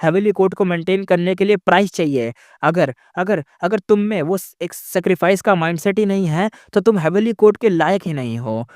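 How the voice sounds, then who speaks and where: A man's voice: high-pitched, fairly quick, hardly any pauses, darkish tone, no echo, clean studio sound, close to an everyday voice. A man voicing a stern, angry male master immortal who scolds harshly and gives orders. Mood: angry scolding.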